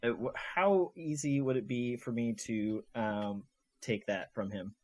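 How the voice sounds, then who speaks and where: A man's voice: medium pitch, a little slow, a little mellow. A man playing a tabletop game casually, talking hesitantly with lots of ums and restarts. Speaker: player.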